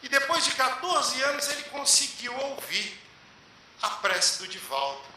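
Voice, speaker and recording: Speaking in a lecture hall at a public meeting, a man delivers a spiritual story with deliberate, emphatic pauses. He has a high, very bright voice with lively pitch movement. Heavy echo fills the hall, and a faint hiss runs beneath.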